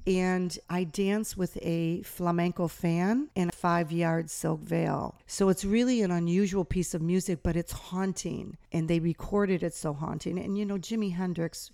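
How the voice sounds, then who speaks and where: A woman's voice: fairly low pitch, creaky, warm tone, dry recording, studio quality. An American woman in her sixties telling her story as a podcast guest in a conversational interview. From Niagara Falls, New York, USA. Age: 60s. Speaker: podcast guest, dance teacher and performer.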